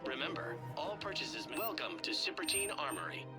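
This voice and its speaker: A store's loudspeaker announcer. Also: female voice, low voice, animated, fairly quick. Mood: promotional. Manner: smooth scripted advertising patter. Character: female shop announcer, polished sales pitch. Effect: shop loudspeaker announcement. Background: loud game music.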